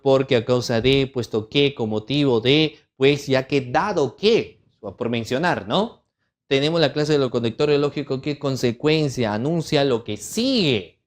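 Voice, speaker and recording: A middle-aged man leads a writing workshop for lawyers at an average pitch. He reads out lists of terms in a steady, measured cadence. He often stops to check in with his students through rhetorical questions. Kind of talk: online legal writing lesson.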